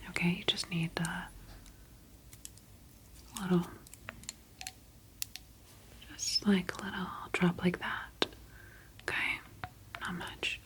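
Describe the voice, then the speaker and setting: In a soft ASMR roleplay, a woman with a fairly low voice whispers breathily as a gentle, reassuring clinical office worker.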